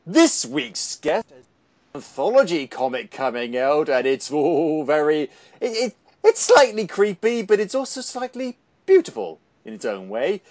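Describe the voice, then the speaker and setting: A man's voice: fairly high pitch, very animated, a little mellow, lo-fi sound. A man hosting a podcast, theatrical and jokey in casual chat. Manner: theatrical, rapid-fire jokey. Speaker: podcast host.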